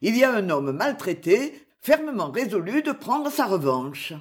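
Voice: medium pitch, sing-song, a little slow. A reader voicing an angry, blustering middle-aged tinker who has been robbed, in an audiobook. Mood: indignant. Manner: loud, blustering, complaining. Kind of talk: audiobook character voice.

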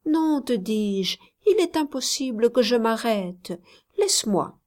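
A woman's voice: fairly high pitch, sing-song, takes it slowly. Woman doing a frightened pleading young girl. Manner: soft, tremulous, pleading.

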